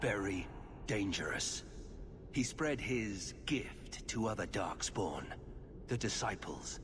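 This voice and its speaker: An actor playing a grave, guarded warrior of a fantasy order in a video game, speaking in a solemn, measured way. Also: male voice, on the low side, expressive. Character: grave, guarded male Grey Warden warrior. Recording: clear background ambience noise.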